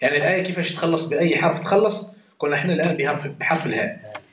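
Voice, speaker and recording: Algerian guy teaching quran, talks quick, roomy echo, kinda dull lo-fi sound. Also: on the high side, expressive, fairly bright tone, a little hiss or hum. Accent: Algerian Arabic. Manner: conversational, swears oaths, quizzes listeners. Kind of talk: informal Quran commentary lesson.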